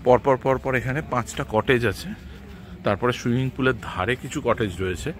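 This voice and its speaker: A man's voice: medium pitch, brisk. A man giving casual, unscripted travel vlog narration outdoors, repeating and rephrasing as he explains, with wind on the mic. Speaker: travel vlogger. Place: open sea beach outdoors, in the wind. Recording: windy outdoor noise on mic. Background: wind and outdoor ambience.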